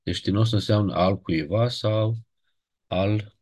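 A man's voice: fairly low pitch, darkish tone. A man teaching a grammar lesson, patiently reciting word forms step by step and checking in with short questions. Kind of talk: ancient Greek grammar lesson.

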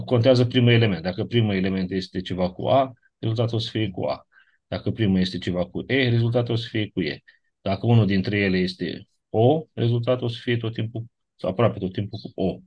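A man's voice: fairly low pitch, lo-fi sound. A man teaching a class, going methodically through grammar rules and checking understanding with short tag questions. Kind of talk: classroom lecture reviewing grammar.

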